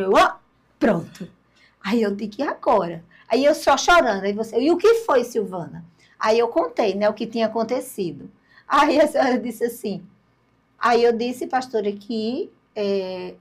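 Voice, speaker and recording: An older woman, a podcast guest telling her story in a lively way and acting out the dialogue. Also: fairly high pitch, breathy edge. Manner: lively storyteller, acts out dialogue, laughs at herself.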